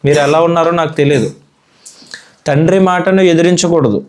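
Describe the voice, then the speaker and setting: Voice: mid-range voice, moderate pace, darkish tone. Sunday school teacher quizzing children. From India. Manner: asks children questions and repeats their answers. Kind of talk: children's Bible lesson. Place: church Sunday school room.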